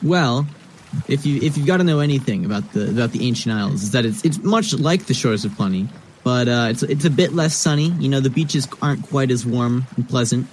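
A man's voice: medium pitch, lively intonation, a little fast, darkish tone, slight background noise. Teasing, sarcastic man in role-play. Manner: teasing, sarcastic, laughs often. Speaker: player in a pirate role-play. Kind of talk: in-character role-play chat.

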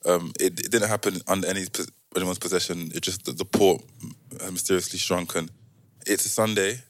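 A man with a London roadman accent hosting a podcast casually, with halting delivery and repeated words. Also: low voice, steady tone. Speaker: podcast host.

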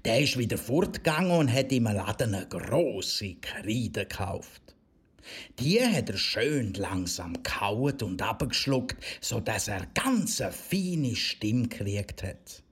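A man with a Swiss German accent narrating a fairy tale for children in a gentle storytelling manner. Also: on the low side, very animated, takes it slowly, breathy edge.

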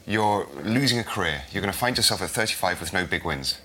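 A man's voice: sits low, lively intonation, fast, bright, forceful tone, a little hiss or hum. A man from Scotland giving his opinion in casual panel chat, reflective and emphatic. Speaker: podcast guest, cycling pundit.

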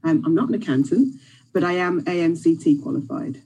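A woman's voice: lowish voice, expressive, a little fast, dark tone, breathy edge, poor audio. A woman who heads a banking sector, giving a friendly introduction with small restarts. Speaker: bank sector head panelist. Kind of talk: panel introduction.

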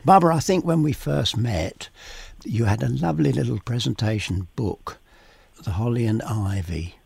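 A man hosting a podcast, chatty and relaxed, husky from a summer cold, giving practical gardening advice. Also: mid-range voice, normal speed, no room sound. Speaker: podcast host. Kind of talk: casual gardening chat.

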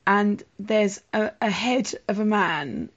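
A woman's voice: medium pitch, slow, highs cut off. A woman in casual chat, laughing often as she sums up a comic she found confusing, with a cough now and then. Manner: giggly, amused and confused. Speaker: guest reading a comic.

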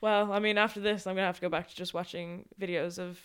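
A woman's voice: lowish voice, steady tone, fast talker, a bit bright, clean tone. A young woman from Ireland, co-hosting a podcast in casual chat and laughing often. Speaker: podcast co-host.

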